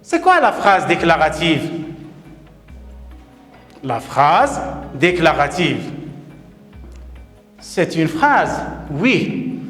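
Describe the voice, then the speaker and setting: A man teaching a grammar lesson to children, slow and emphatic, repeating key words and praising answers. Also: a little high, fairly bright tone, echoey room, big-room sound. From Morocco. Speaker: primary school teacher.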